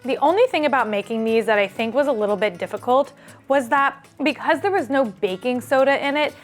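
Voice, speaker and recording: A woman's voice: high voice, expressive, fairly quick, soft background music. A woman hosting a casual cooking vlog, chatty and upbeat, thinking aloud as she cooks. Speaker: cooking video host.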